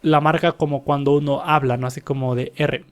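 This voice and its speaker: A man's voice: a little high, flat delivery, brisk, smooth. Young man explaining vocal technique. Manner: explains with sung demonstrations. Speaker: vocal coach analyzing a singer. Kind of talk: casual vocal technique breakdown.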